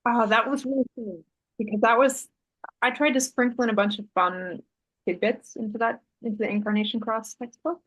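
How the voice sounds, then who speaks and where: A woman guest in a relaxed interview, telling a story in a thoughtful, meandering way, with fillers and self-corrections. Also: a little high, a little fast, low-quality recording. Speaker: interview guest, artist and Human Design author.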